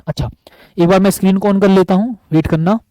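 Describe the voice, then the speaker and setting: A high-pitched man gives a physics lesson at a board. He talks affectionately and repeats each point again and again. His voice sounds dry and close, with almost no room around it. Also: fairly even intonation, fast, warm tone, no echo, poor audio. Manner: affectionate, repetitive, calls students buddy. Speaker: physics teacher. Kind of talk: board lecture.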